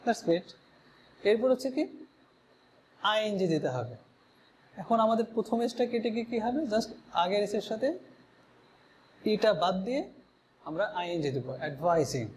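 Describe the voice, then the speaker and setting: Male English teacher, Bangladeshi Bengali accent, high voice, drills spellings and repeats words, faint noise behind him. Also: a little mellow. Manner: drills words and spellings, asks and answers his own questions. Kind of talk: spoken English lesson.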